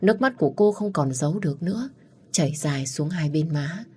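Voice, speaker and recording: A woman narrating a romance story in a measured, emotive way. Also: deep voice, lively intonation, breathy edge. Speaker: audiobook narrator. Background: soft background music.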